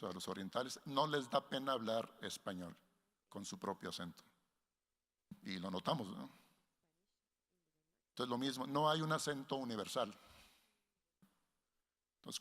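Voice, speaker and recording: A man giving a workshop lecture to researchers in a measured way, often restarting phrases and linking ideas with "entonces". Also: medium pitch, sharp tone. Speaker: workshop instructor. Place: conference hall. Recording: long hall reverb.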